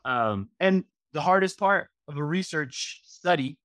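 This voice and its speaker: A man's voice: on the high side, expressive, measured pace, fairly bright tone, no echo, clean studio sound. A middle-aged man from Miami, a registered dietitian, chatting as a guest over a video call on a headset, rambling through long lists with frequent fillers. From Miami, USA. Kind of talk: casual interview chat. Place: home room, video call.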